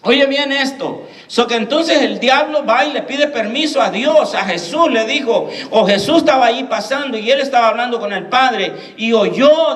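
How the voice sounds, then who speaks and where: High-voiced preaching pastor, echoey hall. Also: male voice, fairly bright tone, distant mic. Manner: preaching with rhetorical questions to the congregation. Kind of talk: sermon.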